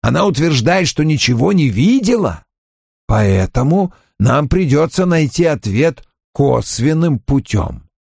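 A man voicing a haughty, deliberate older male detective, reading an audiobook in a measured, lecturing manner. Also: on the high side, very animated, gravelly, darkish tone, husky, dry recording, clean studio sound, voice pushed up, full character voice.

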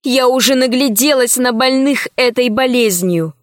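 A woman's voice: on the high side, normal speed, dry recording, studio quality, close to an everyday voice. A woman voicing a grieving but resolute woman who speaks in a weary, controlled way. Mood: weary firm.

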